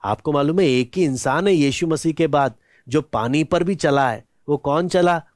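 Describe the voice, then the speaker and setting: A man's voice: fairly high pitch, normal speed, dry recording, clean studio sound. A man teaching a children's Bible lesson, quizzing the kids with questions and acting out the characters' words in first person. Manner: asks questions to children, then answers; acts out quoted speech in first person.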